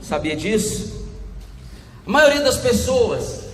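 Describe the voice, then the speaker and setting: A man delivers a sermon in a strikingly high voice, acting out little quoted scenes and calling out to the congregation. His voice rings through a large hall with a long reverb tail, and a faint room ambience sits behind it. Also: big pitch swings, takes it slowly, a little hiss or hum. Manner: preaching with acted-out quotes, calls to the congregation. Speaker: pastor.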